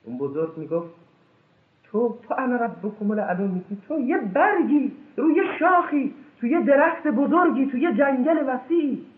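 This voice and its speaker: A man preaching an impassioned sermon, reciting scripture verses slowly and swinging between loud high outbursts and low hushed asides. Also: animated. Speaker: religious lecturer. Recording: echoey, tinny lo-fi recording.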